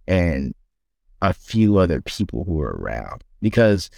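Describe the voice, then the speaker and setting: A man speaking in a reflective, measured way about his time as an actor. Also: sits low, big pitch swings, gravelly, a little mellow, no echo, clean studio sound. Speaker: interviewed actor. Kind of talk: reflective interview.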